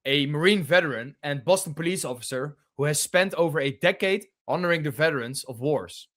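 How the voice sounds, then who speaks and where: A man with a Dutch accent hosting a podcast interview, joking and laughing, with many fillers. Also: fairly high pitch. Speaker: podcast host. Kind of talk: casual interview chat.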